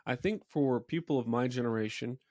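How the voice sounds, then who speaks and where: A man's voice: medium pitch, a little fast, a little mellow, dry recording, clean studio sound. A man from the United States, a pastor hosting a podcast, speaking in a friendly, plain way and asking long winding questions. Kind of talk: conversational podcast interviewing.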